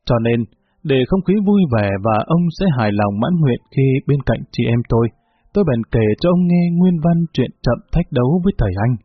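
Male storyteller, husky voice, thin phone-like recording with faint music underneath. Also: mid-range voice, expressive, a little fast. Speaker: narrator. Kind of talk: storytelling narration.

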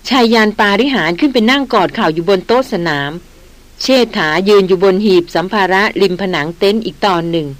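Woman audiobook narrator, measured storytelling, mid pitch.

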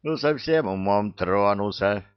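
A man's voice: lowish voice, animated, unhurried, smooth, highs cut off. A man voicing a grumpy, sarcastic male cook who talks bluntly and scolds. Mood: grumbling. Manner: grumbling, blunt.

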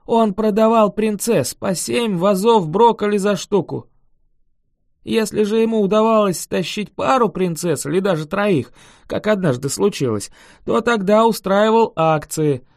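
A reader voicing a chatty, boastful male dragon who huffs and protests loudly in an audiobook. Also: mid-range voice, normal speed, dry recording, studio quality, voice pushed up, natural voice. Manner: indignant, emphatic, loud. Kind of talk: audiobook character voice.

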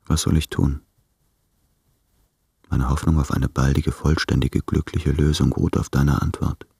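Deep, gravelly brooding man. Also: little pitch movement, a little slow, a little mellow, no echo, clean studio sound, exaggerated voice. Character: anxious, brooding male letter writer in love. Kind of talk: radio play acting.

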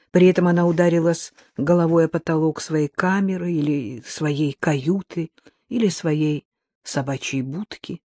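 A narrator reading a thriller audiobook in a measured, dramatic way. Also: medium pitch, mellow, dry recording, studio quality.

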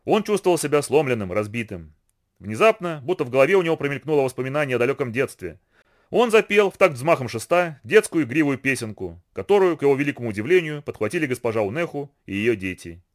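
A man narrating an adventure storybook as an animated, dramatic audiobook reading. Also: medium pitch, quick pace. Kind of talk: scripted narration.

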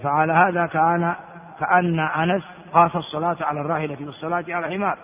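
An older man teaching as a sheikh, reading hadith texts and explaining them slowly in a lecture. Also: fairly high pitch, level tone. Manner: explains slowly, reads then comments. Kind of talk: classroom lecture commentary. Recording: tinny phone-like sound in a large reverberant hall.

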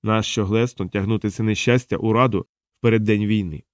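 Man doing a gruff, jittery thug boss. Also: lowish voice, fairly even intonation, fairly quick, no echo, clean studio sound, natural voice. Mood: gruff, uneasy. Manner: growling, agitated. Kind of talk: audiobook character voice.

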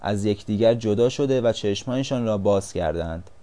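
Mellow-voiced male audiobook narrator. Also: fairly low pitch. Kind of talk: scripted storybook narration.

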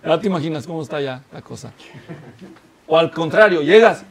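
A man preaching a sermon, his voice sitting notably high for a man. He talks in an animated way and keeps tagging his points with quick rhetorical questions to the congregation. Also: slight background noise.

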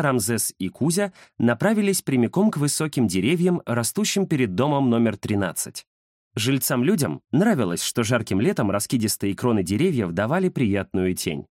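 Male narrator, expressive, lively delivery, dry studio sound. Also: medium pitch, no echo. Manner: expressive storytelling. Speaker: audiobook narrator. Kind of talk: scripted narration.

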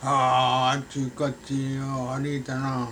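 A man's voice: mid-range voice, monotone, slow pace. An elderly man from Okayama with an Okayama Japanese accent, reminiscing casually in plain, folksy rural talk. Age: elderly, 80s or older. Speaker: interviewee, oral history narrator. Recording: clearly noisy amateur interview recording.

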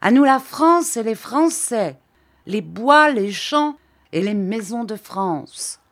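A woman's voice: fairly high pitch, animated, normal speed, pitched above the performer's own voice, close to an everyday voice. A woman voicing a cruel, mocking young male officer who is drunk and boastful, taunting as he speaks. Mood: drunken taunting. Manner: taunting, laughing.

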